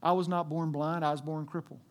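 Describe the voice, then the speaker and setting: A male pastor preaching a sermon to a congregation, swinging from loud, emphatic lines to hushed ones. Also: a little high, level tone, a little fast. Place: church in front of a congregation.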